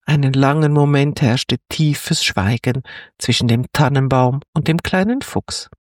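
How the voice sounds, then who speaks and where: A storyteller reading a children's story aloud in a calm, gentle manner. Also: mid-range voice, unhurried, no echo, studio quality.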